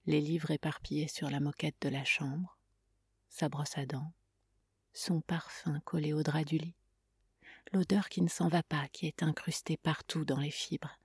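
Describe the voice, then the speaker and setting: A woman giving a soft, hushed, breathy whispered reading of a literary text, close to the mic. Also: sits low, little pitch movement, unhurried, dry recording. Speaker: reader.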